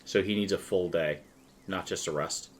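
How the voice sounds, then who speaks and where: A man's voice: sits low, moderate pace, slight background noise. A man running a tabletop game as game master, narrating and chatting conversationally with the players.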